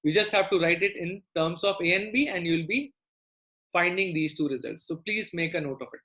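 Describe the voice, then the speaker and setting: A woman's voice: on the low side, brisk, fairly bright tone. A woman with a South Indian accent teaching a live online maths lesson, repeating phrases and often checking in with students.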